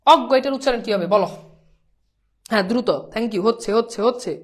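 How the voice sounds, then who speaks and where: A woman's voice: fairly high pitch, fairly quick. A woman teaching a live online grammar lesson, quizzing her students and repeating each pronunciation several times. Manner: sprinkles English words into speech.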